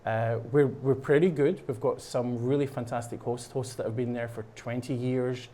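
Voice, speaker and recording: As a guest on a local show, a Scottish man with a Scottish accent paints in the studio and casually explains a program, rambling with frequent fillers and restarts. His mid-range voice is dark in tone, fairly even in intonation, and moderately paced.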